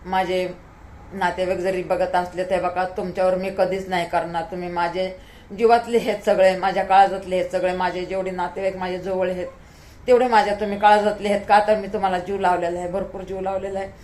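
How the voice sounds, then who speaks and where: A woman's voice: fairly low pitch, steady tone, fairly quick, darkish tone. Weary, pleading woman vlogger. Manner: pleading, repetitive, heartfelt. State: tired. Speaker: YouTuber. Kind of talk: emotional talk to camera.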